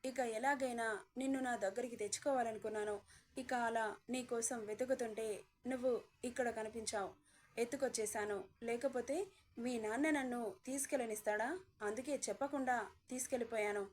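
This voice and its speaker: This is a storybook reading with a scheming male kidnapper who coaxes and threatens his young captive, as a woman narrator puts him on. His voice stays fairly high, the way it sounds when a woman reads for him. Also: fairly even intonation, fairly quick, a little mellow, lightly acted. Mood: falsely soothing. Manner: coaxing, then threatening. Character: scheming male kidnapper uncle, menacing and fake-kind.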